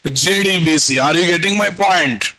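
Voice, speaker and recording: A man's voice: fairly high pitch, moderate pace, pushed and bright, slight background noise. A man with a Telugu Indian accent teaching a live online programming lesson, dictating notes, repeating phrases and prompting students with questions. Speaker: programming instructor. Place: indoor room at a computer, video call.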